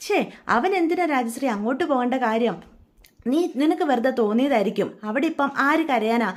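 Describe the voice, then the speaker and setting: Woman reading a doubting husband; high voice, brushes things off. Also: expressive, fairly quick. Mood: dismissive. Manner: brushing off, skeptical. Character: dismissive middle-aged husband.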